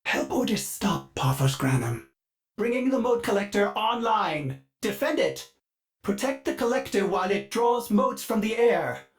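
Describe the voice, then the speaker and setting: A video game ship's onboard assistant, this AI is doting, courteous and dutiful, with a filtered synthetic voice whose pitch swings lively. He refers to himself in the third person at a measured pace, in full character, and his words sometimes stutter and loop like a malfunctioning machine.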